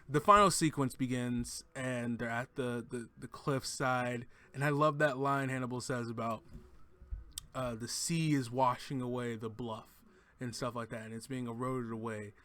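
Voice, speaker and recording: A man's voice: medium pitch, pushed and bright. A man giving a casual, enthusiastic spoken review of a TV episode, rambling and often restarting his sentences. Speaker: TV show reviewer.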